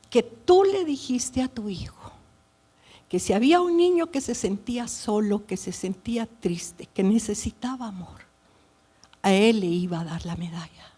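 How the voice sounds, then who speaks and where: A middle-aged woman preacher, giving a sermon as an intimate story. She talks soft and low, trailing off into whispers, then grows slow, emphatic and louder when she exhorts.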